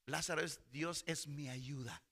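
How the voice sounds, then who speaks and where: Gravelly bright-voiced man preaching. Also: on the high side, steady tone, unhurried. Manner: preaching with call-and-response to the congregation; acts out voices in Bible stories. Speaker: pastor. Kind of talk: sermon. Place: church hall.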